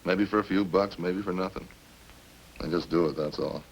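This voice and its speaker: His deep voice with vocal fry moves at a moderate pace as he plays a chatty, smug murder suspect in a radio crime drama. He's folksy and cagey, needling the police in a casual way. The hissy old radio recording is low in quality.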